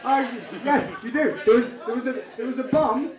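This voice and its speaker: A young man from England, whose Leicester accent leans a little toward Liverpool, races through a stand-up set in a very high-pitched voice. He chats, banters with the audience in the small theatre lounge, and yelps with excitement. A distant mic leaves the recording muffled and echoey.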